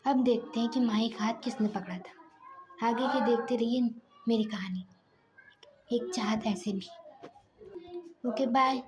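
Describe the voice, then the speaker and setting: Soft-spoken woman telling a story. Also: on the high side, measured pace, long pauses. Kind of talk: casual story narration.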